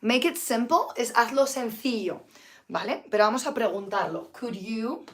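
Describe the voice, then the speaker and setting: Hoarse woman teaching English. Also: a little high, expressive, unhurried. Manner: chatty, mixes Spanish and English, reads out viewer comments. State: sick with flu, tired. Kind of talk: live-streamed English lesson.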